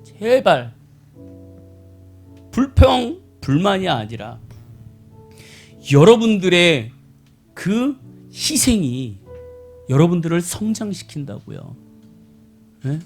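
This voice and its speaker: A man's voice: high voice, slow pace, vocal fry, long pauses, soft background music. A middle-aged male pastor preaching a live Sunday sermon in a conversational style, often putting questions to the congregation. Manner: animated, conversational, asks the congregation rhetorical questions. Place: church worship service.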